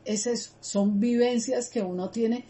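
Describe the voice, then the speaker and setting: Speaking directly to her listeners, this woman teaches a Bible study in an earnest, conversational manner and repeats her words often. Her voice is warm and on the high side, with fairly even intonation and an unhurried pace.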